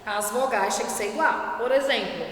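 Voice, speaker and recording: A woman's voice: a little high, moderate pace, a bit bright. A woman teacher giving a classroom lesson, patiently asking the class many questions. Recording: very echoey room with long reverb.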